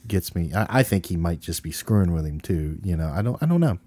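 Male radio co-host, very low voice, casual film chat, repeats phrases, dry studio sound. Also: expressive, fast talker, dark tone, no echo. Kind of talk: casual film discussion on late-night radio.

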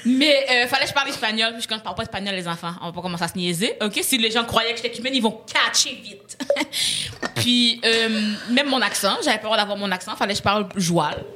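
A woman from Haiti, her bright, somewhat high voice full of animated storytelling. She laughs often as she talks in a casual panel chat. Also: fast talker, slight background noise. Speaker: actress.

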